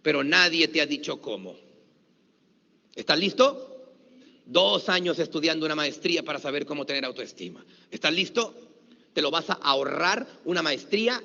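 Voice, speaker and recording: A middle-aged man with a Mexican accent, giving a lively motivational talk and leading a conference crowd in chants. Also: on the high side, gravelly. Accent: Mexican Spanish. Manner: energetic, leads crowd in call-and-response chants. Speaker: motivational speaker. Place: large conference hall. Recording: dull, lo-fi audio with long hall reverb.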